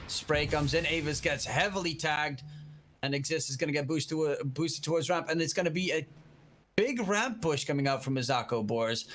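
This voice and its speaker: A man giving excitable live play-by-play esports commentary on a shooter match, building in intensity at key moments. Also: a little high. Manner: excitable, rising to shouts at key plays. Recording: clear background noise, clicks.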